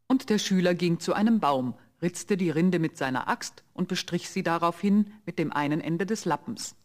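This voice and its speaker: Man, narrator, scripted fairy tale, even storytelling, somewhat high pitch. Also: normal speed.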